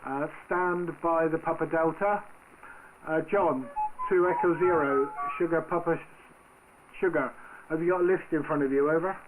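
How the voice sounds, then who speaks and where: A man's voice: a little high, normal speed, narrow, tinny audio, over music. A man acting as controller of an amateur radio net, speaking informally and hesitantly in radio procedure. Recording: noisy shortwave radio, steady static.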